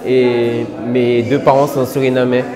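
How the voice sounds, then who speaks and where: A man's voice: medium pitch, flat delivery, unhurried, long reverb tail, over music. A man from French Guiana in a casual interview, earnest, with many filler words and restarts. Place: indoor exhibition gallery.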